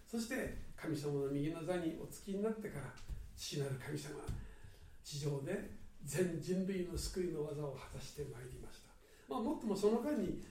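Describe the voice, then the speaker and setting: A man preaching a sermon earnestly, swinging between loud and hushed delivery. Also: a little high, a little hiss or hum. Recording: echoey hall, mic at a distance.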